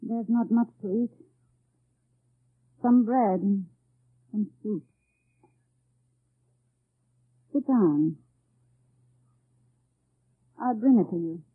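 A woman's voice: medium pitch, takes it slowly, long pauses, natural voice. An actress playing a guarded, subdued young woman with terse delivery, in an old-time AM radio drama. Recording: tinny, dry old AM radio recording.

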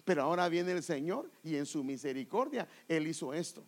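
High-voiced man preaching. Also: animated, brisk. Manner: explanatory, addresses listeners as brother. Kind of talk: sermon teaching from scripture.

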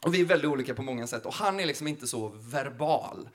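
A man, a comedian, telling a story in an animated way, laughing and acting out the people he quotes. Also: medium pitch.

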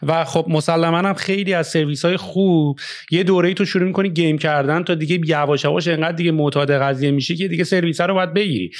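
A man from Iran talks through his startup experience in an easygoing podcast chat. His voice sits a little high, and he keeps sliding into English phrases between fillers and "you know". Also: fairly even intonation. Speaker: startup founder. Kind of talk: casual podcast conversation. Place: Canada.

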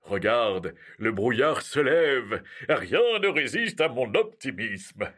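A man's voice: mid-range voice, slow, slightly rough, heavily acted. A jolly, carefree Father Christmas. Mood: jovial. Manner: calm, reassuring, chuckling.

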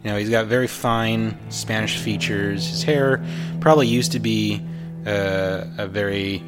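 A man narrating as game master of a tabletop game and hosting the show, in a rambling way full of pauses and fillers. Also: on the low side, steady tone, over loud music.

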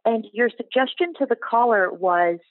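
A woman's voice: a little high, expressive, normal speed, dry recording. A woman from New Hampshire calling in to a cooking show over the phone and asking a question in a chatty, curious, friendly way. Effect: heard over the phone. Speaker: caller. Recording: tinny phone line.

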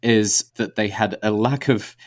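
A low-pitched man chatting on a podcast, thoughtful and conversational, dropping the odd bit of slang. His voice sounds close and dry, recorded at home with no room echo. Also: fairly even intonation, a little slow. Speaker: podcast co-host. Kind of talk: casual chat.

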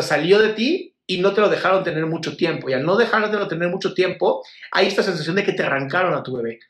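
A man with a Mexican Spanish accent hosts a casual live-stream Q&A about mental health. He answers viewer questions bluntly and affectionately, swearing freely and calling viewers "my love." His voice is high with a fairly bright tone, and the sound is roomy.

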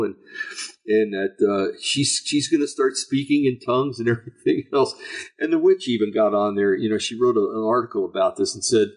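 A man with a raspy, gravelly voice hosting an online show, giving informal religious commentary in a rambling, halting, folksy way. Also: medium pitch, darkish tone, low-quality recording.

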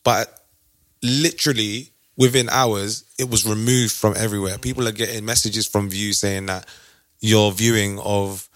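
A man's voice: on the low side, fairly even intonation, moderate pace, fairly bright tone, dry recording, studio quality. A young man with an urban London roadman accent, chatting casually in heavy street slang and repeating phrases for emphasis. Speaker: podcast co-host.

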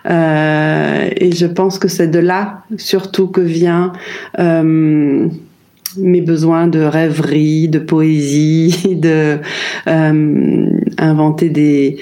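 A woman from France in her fifties talks through her story in an interview. Her voice sits a little low and sounds warm and dark, and she hesitates often, circling back and restarting her sentences. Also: flat delivery, very slow. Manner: hesitant, many fillers and restarts. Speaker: brand founder, guest. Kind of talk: reflective interview answers.

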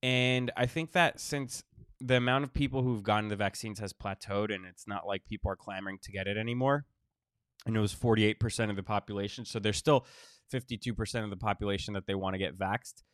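A man hosting a casual podcast monologue, wheezy and short of breath while recovering from illness, halting with pauses and repeated phrases. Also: lowish voice, steady tone, a bit bright, clean tone, no room sound, studio quality. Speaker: podcast host.

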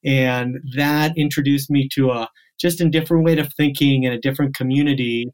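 A man's voice: medium pitch, fairly even intonation, fairly quick, smooth. A man in his thirties, born in South Africa and raised near Boston, answering interview questions earnestly with small restarts. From born in South Africa, grew up near Boston. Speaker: podcast guest, outdoor camp CEO.

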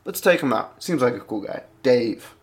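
A man's voice: mid-range voice, animated, normal speed. Giggly young man reading jokes. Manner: casual, giggly, rambling asides. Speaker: joke reader. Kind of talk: reading jokes aloud with commentary.

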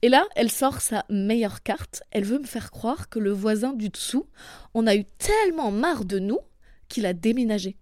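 A woman's voice: on the high side, lively intonation, normal speed, a little mellow, dry recording, clean studio sound. A young woman comedian hosting her podcast, narrating with wry, joking asides.

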